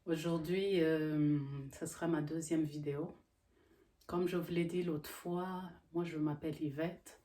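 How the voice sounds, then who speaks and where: A woman's voice: low-pitched, steady tone, a little slow, warm tone. A woman from Congo in middle age, a health professional, speaking earnestly with frequent hesitations. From Democratic Republic of the Congo. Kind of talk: earnest educational monologue.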